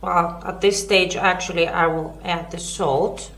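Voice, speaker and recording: A woman's voice: fairly low pitch, steady tone, unhurried, a bit bright, echoey room. A woman hosting a home cooking lesson, chatty, with many fillers and self-corrections. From Greece. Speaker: cooking show host.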